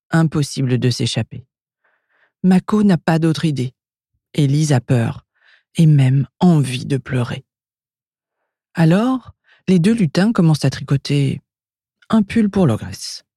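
A French woman reading a children's storybook aloud in a lively, expressive way. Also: deep voice, husky, no room sound, studio quality.

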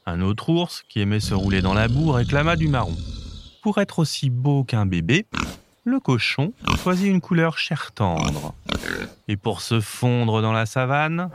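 A man reads a children's picture-book story aloud, gentle and expressive. His pitch is middling and ordinary. A steady hiss of noise sits under the voice.

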